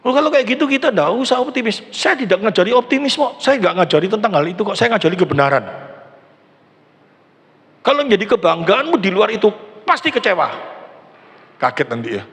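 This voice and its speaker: A man's voice: high voice, very animated, brisk, long pauses, a bit bright. A middle-aged male pastor with an East Javanese Indonesian accent, preaching a conversational sermon, acting out quoted voices and asking the congregation questions. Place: large church hall. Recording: long church hall reverb.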